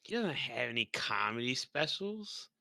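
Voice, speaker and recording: A man co-hosting a podcast, speaking in a very bright, tense voice with a lively pitch. He jokes in a dry way and swears freely. The sound is dry, close and free of room echo. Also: measured pace, gravelly. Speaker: podcast co-host. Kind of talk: casual chat. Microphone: online voice call.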